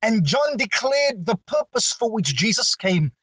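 A man preaching a sermon with a dramatic, drawn-out delivery and big swings in pitch. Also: big pitch swings, a bit bright, slightly rough, dry recording.

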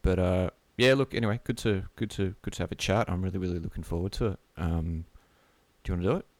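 Podcast host: male, broad Aussie accent, deep voice, blokey and slangy, casual chat, close dry sound. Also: steady tone, fast talker, no echo. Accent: broad Australian.

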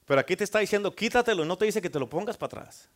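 High-voiced preaching man. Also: expressive, rapid-fire. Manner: call-and-response preaching, asks congregation for amens. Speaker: pastor. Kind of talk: sermon.

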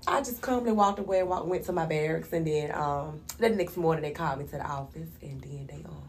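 A woman's voice: low voice, brisk, slight background noise. A young woman on a podcast telling stories in a casual, profane way, often laughing. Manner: laughing, profane, animated storytelling. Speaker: podcast co-host. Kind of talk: casual storytelling chat.

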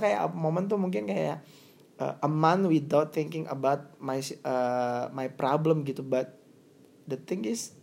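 A young woman speaks in a relaxed, reflective chat, switching often between two languages. Her voice sits low and has a gravelly fry. She talks things through slowly and thoughtfully. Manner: reflective, mixes English into Indonesian. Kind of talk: casual chat.

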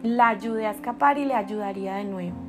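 A woman voicing a kind, wise male house cat who speaks softly and slowly. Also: medium pitch, music in the background, natural voice. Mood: firm. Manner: soft, hushed and deliberate.

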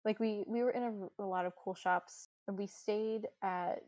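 A woman's voice: medium pitch, fairly even intonation, normal speed, darkish tone, no room sound, lo-fi sound. A woman co-hosting a casual travel podcast, chatty and giggly, with lots of fillers. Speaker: podcast co-host.

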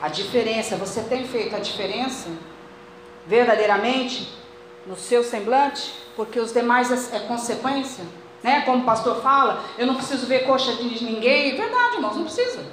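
A woman's voice: on the high side, lively intonation, normal speed, fairly bright tone. Fervent Brazilian woman preaching in echoey church. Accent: Brazilian Portuguese. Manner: fervent, addresses congregation as brothers. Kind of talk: sermon. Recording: very echoey church hall, faint noise.

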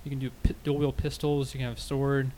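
A man's voice: mid-range voice, completely flat delivery, quick pace, mellow. Joking man hosting a casual podcast. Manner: loose, joking, lots of filler likes. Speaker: podcast host. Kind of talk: casual chat.

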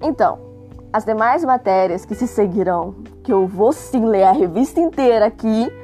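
With music in the background, a young woman with a Brazilian accent reads a magazine aloud as host, her throat sore and tired. Her medium-pitched voice is warm and animated at a normal pace, and she narrates casually, chatty and self-deprecating, with joking, exasperated asides.

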